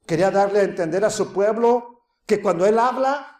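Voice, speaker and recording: A man delivers a sermon. He preaches dramatically, moving from loud calls to near-whispered asides. The room around him is echoey. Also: high-pitched, moderate pace. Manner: dramatic, acts out quoted voices, swings from loud to hushed.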